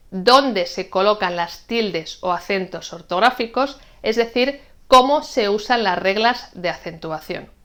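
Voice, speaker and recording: A woman from teaching an online Spanish lesson, explaining rules clearly and patiently and saying example words slowly. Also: mid-range voice, fairly bright tone.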